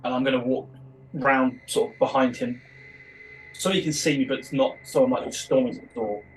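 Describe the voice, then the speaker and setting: A man's voice: medium pitch, fairly even intonation, normal speed, a little hiss or hum, poor audio. A man playing a tabletop role-playing game, describing his character's actions step by step. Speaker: player.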